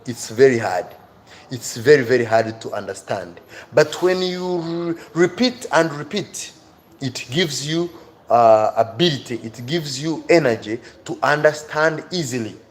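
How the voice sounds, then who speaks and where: An online teacher hosting a livestream leads an English reading-skills lesson in an expressive, mid-range voice at a measured pace. He speaks emphatically to his viewers, repeating phrases and pleading with and encouraging them, with clear background noise in the recording.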